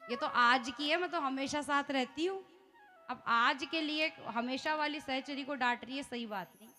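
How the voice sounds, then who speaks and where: A woman's voice: a little high, very animated, a little slow, pushed and bright, faint music behind, heavily acted. A woman voicing a protective, fussy female attendant who talks in a scolding way. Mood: indignant. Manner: scolding, indignant.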